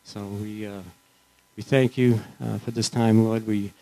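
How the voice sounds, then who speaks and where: Man, mellow voice, informal church testimony, earnest, halting, frequent restarts. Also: on the low side, level tone, poor audio. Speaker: church member sharing.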